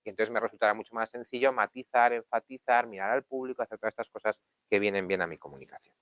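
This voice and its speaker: A man's voice: lowish voice, fast talker, fairly bright tone, clear, resonant tone, dry recording. Spanish-accented man explaining reading aloud. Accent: Spain. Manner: explanatory, demonstrating, conversational. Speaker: public speaking trainer. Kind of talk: webinar lesson. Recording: dull, dry recording.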